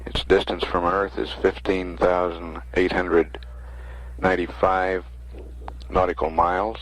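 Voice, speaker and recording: Low, flat-voiced American mission announcer, male. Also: a little slow, low-quality recording. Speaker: mission control public affairs announcer. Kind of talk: measured status commentary, reading out figures.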